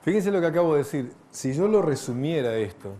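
A middle-aged man speaks in a mellow, slightly raised register. He gives a reflective spiritual talk and keeps his audience engaged with rhetorical questions and gentle humor. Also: fairly high pitch, expressive, brisk. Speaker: spiritual lecturer.

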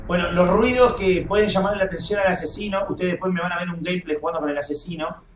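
Young Rioplatense man, high-pitched, excitable gamer who swears and yells; faint noise behind. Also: quick pace. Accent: Rioplatense Spanish. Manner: excitable, swearing, screams when chased. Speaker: gameplay streamer. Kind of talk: gaming commentary. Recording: echoey room, faint noise.

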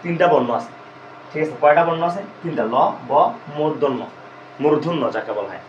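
A man's voice: on the high side, lively intonation, fast talker, roomy sound, dull audio, slight background noise. Man teaching a grammar lesson. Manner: explains step by step, repeating questions to students.

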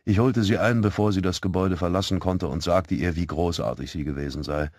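Man reading an audiobook, low voice, calm and even, really dry close sound. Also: no room sound. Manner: calm, measured storytelling. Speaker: audiobook narrator. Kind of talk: first-person audiobook narration.

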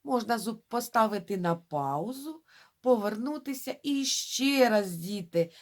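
A woman teaching young children to read, sounding out syllables slowly and talking straight to them. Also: medium pitch. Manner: drawn-out syllable-by-syllable modelling of reading; addresses children directly, coaxing. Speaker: primary school teacher. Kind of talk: reading lesson for young children.

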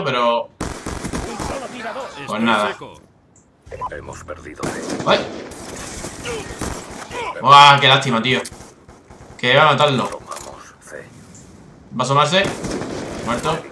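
A man with a Spain Spanish accent giving excitable, swearing live commentary over his own gameplay, with bursts of frustration. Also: medium pitch, unhurried, pauses often, reverberant, background noise. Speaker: gaming YouTuber.

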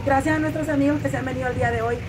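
A Salvadoran woman in her forties delivers an upbeat sales pitch, talking quickly in a high voice. She speaks outdoors on a city street, and loud traffic noise runs beneath her. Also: steady tone. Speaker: restaurant representative. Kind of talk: promotional interview answers.

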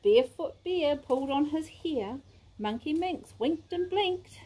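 Woman reading a picture book, sing-song rhymes, high lively voice, unhurried. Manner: sing-song, expressive rhyming delivery. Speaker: storybook reader.

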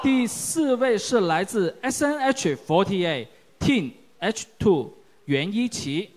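A man's voice: high-pitched, animated, slow pace. A man giving a formal stage announcement of rankings at a live event. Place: stage event in a large venue. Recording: very noisy hall with loud crowd. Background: crowd and noise.

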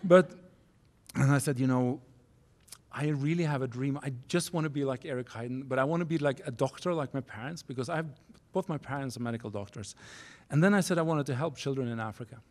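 A man in his forties from Norway with a Norwegian accent, giving a keynote speech at a university podium, earnest and halting, restarting phrases in non-native English. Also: medium pitch, a little mellow. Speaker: keynote speaker. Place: university auditorium stage. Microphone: podium microphone.

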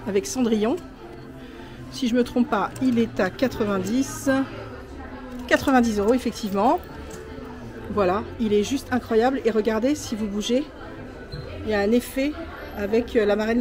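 A woman vlogging casually from an indoor shop, gushing over each item and piling on superlatives, filming on a handheld phone. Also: on the high side. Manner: gushing, piles on superlatives and repeats "very, very". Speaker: merchandise vlogger. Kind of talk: casual shopping vlog. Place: indoor theme park shop. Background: shop background music.

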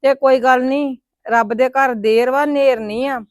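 A woman's voice: high voice, fairly even intonation, a little slow, dry recording, clean studio sound. A woman playing a worried mother who laments her daughter's troubles in a tearful, sorrowful way. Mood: lamenting. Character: worried middle-aged mother, sorrowful and protective. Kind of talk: family web drama acting.

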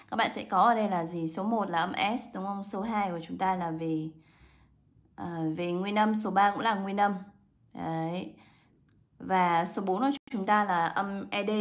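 A woman English teacher, walking students through exam answers step by step and slowing down to read English words aloud. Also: medium pitch. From Vietnam. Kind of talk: exam answer walkthrough lesson.

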